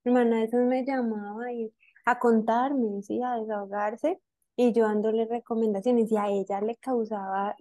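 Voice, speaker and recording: A woman co-hosting a casual panel talk, agreeing warmly and telling personal stories. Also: on the high side, fairly even intonation, moderate pace, no echo, studio quality. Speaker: co-host.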